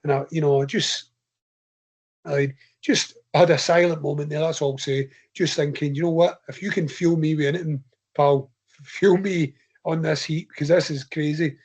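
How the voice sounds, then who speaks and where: A man's voice: fairly high pitch, fairly even intonation, moderate pace, a little mellow, breathy edge. A man with a Scottish accent, a podcast guest, telling long rambling anecdotes in a casual interview. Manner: long rambling anecdotes told in his own voice. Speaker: guest ultra runner.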